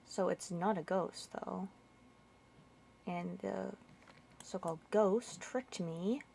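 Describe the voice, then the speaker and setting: A woman giving casual gameplay commentary, thinking aloud and puzzling over where to go. Her voice sits at mid pitch with a gravelly fry. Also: slow pace, dark tone, a little hiss or hum. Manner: muttering, thinking aloud, confused questions. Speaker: gamer playing through a walkthrough.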